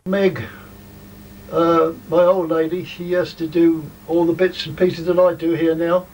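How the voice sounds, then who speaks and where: A man's voice: fairly high pitch, flat delivery, unhurried, darkish tone. An older man giving informal instruction as a sheepdog trainer, explaining things in a plain-spoken, rambling way. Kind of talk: informal instructional commentary and advice. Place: outdoors in a field. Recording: distant mic, outdoor ambient noise.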